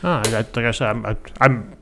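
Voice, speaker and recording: A man's voice: medium pitch, a little fast, creaky, noisy background. A man in his thirties co-hosting a casual gaming podcast, rambling with fillers and laughing often. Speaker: podcast co-host. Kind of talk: casual chat.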